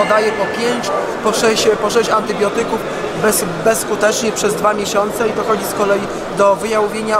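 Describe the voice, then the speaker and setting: A man in his thirties, a veterinarian, answering interview questions with many restarts and repeated words. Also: high voice. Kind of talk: on-camera interview. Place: large indoor exhibition hall with pigeon cages. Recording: loud hall background noise.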